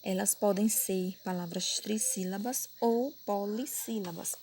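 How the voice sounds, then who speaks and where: A primary school teacher with a Brazilian Portuguese accent and a mid-range, darkish voice teaches a recorded grammar lesson at a measured pace. She patiently repeats points and checks that her pupils are following, with slight background noise.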